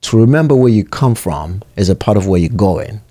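A man hosting alone, talking in an unhurried, thoughtful and personal way. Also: on the low side, lively intonation, warm tone, no room sound, studio quality. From South Africa. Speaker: podcast host. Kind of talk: reflective solo monologue.

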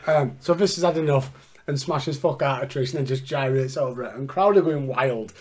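A man hosting a casual podcast chat, excitable and swearing freely. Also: medium pitch, a little fast. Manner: profane, excitable. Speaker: podcast host.

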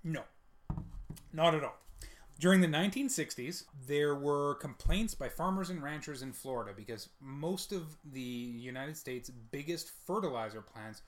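A man co-hosting a podcast in casual chat, animated, often jumping into mocking voices to quote people. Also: a little high, moderate pace. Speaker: podcast co-host.

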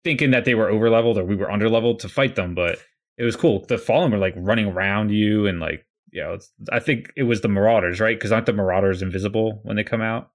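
A man's voice: on the low side, quick pace. A man co-hosting a casual gaming podcast, talking hesitantly with many fillers. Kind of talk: casual chat.

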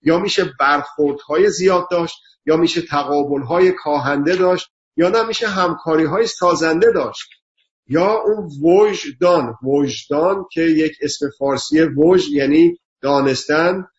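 A man speaking earnestly on a talk show, lecturing through emphatic repeated lists. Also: a little high. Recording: dull lo-fi sound.

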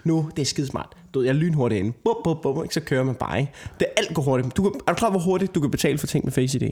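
A man co-hosting a casual podcast chat, rambling through stories with constant tag questions and frequent laughter. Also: on the high side. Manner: rambling storyteller, lots of "ikke?" tags; laughs often, gets loud and excited. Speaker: podcast co-host.

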